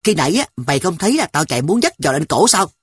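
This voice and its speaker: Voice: mid-range voice, sing-song, quick pace, husky, dry recording, clean studio sound, voice pushed up. A storyteller voicing a young boy who whispers secrets and talks back defensively. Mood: conspiratorial. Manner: conspiratorial, defensive. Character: young boy, the older brother, bluffing. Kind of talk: audiobook character voice.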